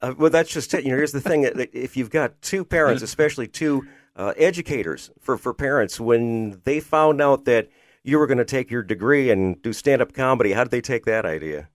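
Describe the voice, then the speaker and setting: A man's voice: mid-range voice, fairly quick, dry recording, studio quality. An older man, a retired radio DJ, hosting a casual interview and laughing often. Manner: chatty, laughs often, folksy asides. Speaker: podcast host, retired radio DJ.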